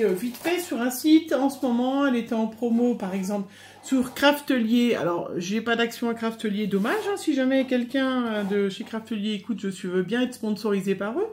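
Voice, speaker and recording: A woman's voice: on the high side, a little mellow, a little hiss or hum. Hesitant French woman demoing crafts. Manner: hesitant, many fillers. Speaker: scrapbooking vlogger. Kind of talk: casual tutorial chat.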